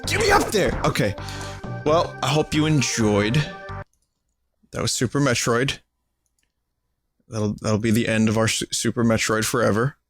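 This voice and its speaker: Male streamer, mid-pitched, talks himself through tough jumps, game music loud underneath. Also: steady tone, unhurried, long pauses. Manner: self-mocking, muttering to himself, bursts into high-pitched screams. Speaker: gaming streamer. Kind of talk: live gameplay commentary.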